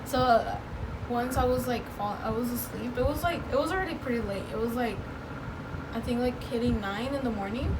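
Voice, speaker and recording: A woman casually telling a personal story to friends in a conversational way, often using "like" as a filler. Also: brisk. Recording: noisy, distant mic, background rumble.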